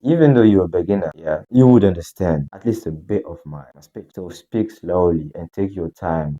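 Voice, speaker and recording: A man with a very low, dark voice gives informal spoken-English coaching, talking quickly and directly to the viewer as if to a friend. He slides between French and English mid-sentence. The recording sounds slightly dull and lo-fi. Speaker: English teacher. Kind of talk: casual coaching monologue.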